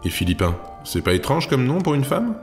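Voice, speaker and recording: A man's voice: mid-range voice, very animated, a little fast, soft background music, voice pushed up. A man voicing a carefree young woman archer who talks in a blunt, casual way. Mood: teasing.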